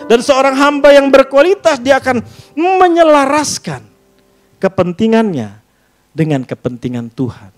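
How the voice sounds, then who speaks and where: A man preaching a lively sermon in a church, often asking the congregation for an amen and slipping in jokes and casual asides. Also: extremely high pitch, measured pace. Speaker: pastor.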